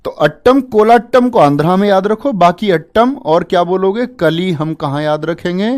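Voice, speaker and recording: High and expressive, at a normal pace with a darkish tone, a man teaches exam prep in a relaxed, joking manner. He coaxes his students with playful memory aids, chatting freely and calling them "bhai."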